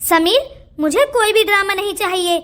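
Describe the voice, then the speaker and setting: A woman's voice: very high-pitched, normal speed, a bit bright. A woman voicing a stern, bossy older mother in a cartoon story. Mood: angry scolding. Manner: scolding, bossy. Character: stern strict older Indian mother-in-law. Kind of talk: cartoon voice acting.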